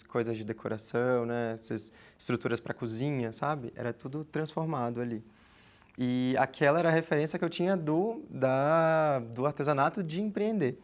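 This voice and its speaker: A man's voice: medium pitch, normal speed. A man in his twenties from the Amazonas region of Brazil, a guest in an interview who speaks in a chatty, reflective way and often adds tag fillers. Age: 20s. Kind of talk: casual interview talk.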